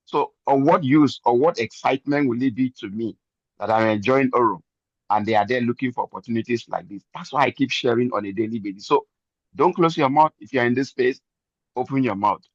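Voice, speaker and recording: A man's voice: medium pitch, fairly quick, no room sound, dull audio. Earnest older man testifying. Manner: earnest, preachy, repeats phrases for emphasis. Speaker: member giving a testimony. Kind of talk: motivational testimony.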